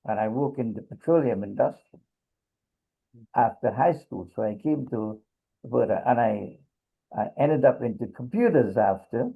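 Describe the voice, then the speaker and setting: A middle-aged man from Trinidad, speaking haltingly in a casual discussion with many pauses and fillers. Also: mid-range voice, lively intonation, creaky, slightly rough. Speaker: discussion participant. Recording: tinny phone-like video call audio.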